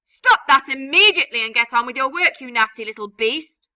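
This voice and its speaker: A woman's voice: high voice, expressive, fairly quick, bright, forceful tone, exaggerated voice. Woman doing a bossy cruel aunt. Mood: harsh. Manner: barking orders. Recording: dull, distant mic.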